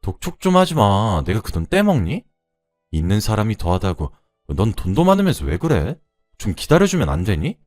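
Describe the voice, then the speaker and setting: A man's voice: lowish voice, wildly swooping pitch, normal speed, a little mellow, faint music behind. A man voicing a young woman friend who owes money, defensive and pleading in a raised voice.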